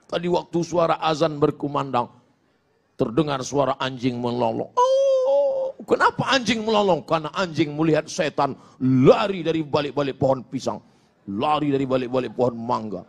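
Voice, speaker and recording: A man's voice: on the high side, sing-song, normal speed, gravelly. A middle-aged man from Indonesia preaching a humorous Islamic sermon, telling jokey stories, acting out little exchanges and chanting Arabic verses.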